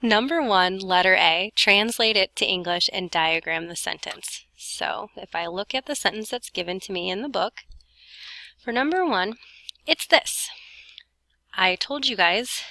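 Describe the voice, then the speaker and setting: Bright-voiced woman teacher, breathing heavily. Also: mid-range voice, measured pace, no room sound, low-quality recording. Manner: breathing heavily while talking; informal, talks students through each step, self-correcting. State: pregnant and short of breath. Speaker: Spanish teacher recording an explanation for students. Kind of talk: step-by-step grammar lesson narration.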